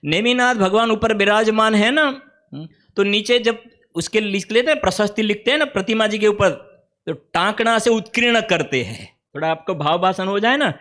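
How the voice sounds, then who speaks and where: A man's voice: high-pitched, expressive, normal speed, a bit bright. A man with a Gujarati accent giving a spiritual discourse, conversational, often asking his listeners questions. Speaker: Jain preacher. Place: teaching camp hall.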